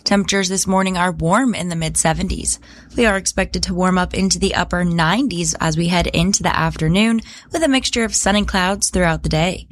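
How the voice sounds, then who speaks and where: Smooth-voiced woman reading a radio weather update, slightly low pitch, polished broadcast read. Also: brisk. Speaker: meteorologist.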